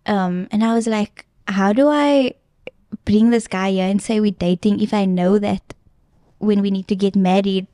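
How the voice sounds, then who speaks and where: A woman's voice: medium pitch, fairly even intonation, moderate pace, warm tone, dry recording, studio quality. A young woman guest earnestly retelling a personal story in casual chat, with plenty of filler ums. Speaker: podcast guest.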